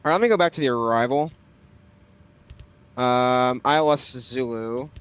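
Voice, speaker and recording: A man's voice: medium pitch, normal speed, fairly bright tone, clear, resonant tone. A man livestreaming a flight simulator, talking casually and hesitantly as he thinks aloud. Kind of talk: casual livestream commentary with pilot radio calls.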